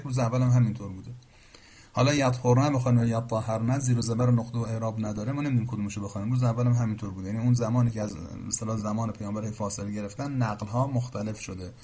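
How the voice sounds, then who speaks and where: A man explaining Quranic reading variants in a formal, patient lecture, reciting verses and often trailing off quietly at the end of phrases. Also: fairly low pitch, breathy edge. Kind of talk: explanatory lecture answering a question.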